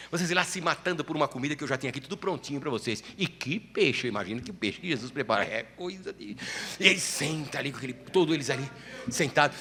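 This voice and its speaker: A male pastor preaching a sermon as an animated storyteller, swinging between loud bursts and quiet asides. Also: a little high, in a large hall.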